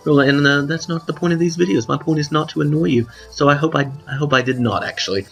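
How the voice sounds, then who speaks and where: A man's voice: on the high side, fast, creaky, faint music behind. A man hosting a let's play of a drawing game, chatting casually with rambling, self-correcting asides to viewers while his voice cracks now and then. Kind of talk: casual gameplay commentary.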